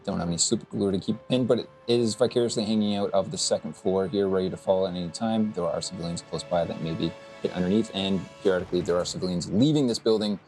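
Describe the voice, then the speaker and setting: A man narrating as game master, halting with many fillers. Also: low-pitched, darkish tone, faint music behind.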